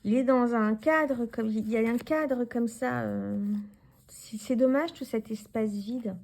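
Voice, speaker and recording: A woman's voice: on the high side, slow, creaky, darkish tone. A woman in her forties from France, chatting casually to the viewer as she shows her tarot decks, rambling with many fillers and restarts. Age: 40s. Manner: talks to the viewer directly, handling cards. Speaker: tarot YouTuber. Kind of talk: casual deck review vlog.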